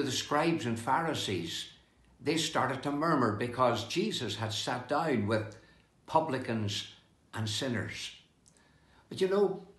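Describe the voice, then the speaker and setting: An older man preaching a devotional sermon indoors, with slow, emphatic delivery that rises and falls. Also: medium pitch, fairly bright tone, echoey room. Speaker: pastor. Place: indoor room with bookshelves, seated with open Bible.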